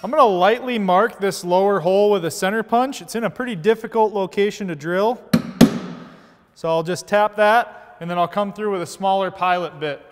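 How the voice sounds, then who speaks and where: A man's voice: sits high, normal speed, long reverb tail, slight background noise. A man in his thirties giving scripted, methodical step-by-step installation instructions in a workshop studio. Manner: steady, methodical step-by-step explaining. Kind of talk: scripted how-to narration. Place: large indoor workshop studio.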